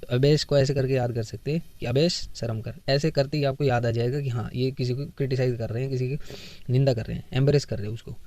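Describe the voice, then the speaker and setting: A man's voice: mid-range voice, fairly even intonation, quick pace, dark tone. A man teaching English vocabulary for exams in a casual lesson, explaining words with memory tricks and acted everyday examples. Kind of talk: casual Hindi exam-prep lesson.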